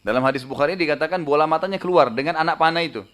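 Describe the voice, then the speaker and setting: A man preaching a storytelling sermon, conversational and animated, often tagging sentences with casual fillers. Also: on the high side, racing. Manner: conversational, frequent tag fillers; animated retelling, raising voice for dramatic moments. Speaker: Islamic preacher.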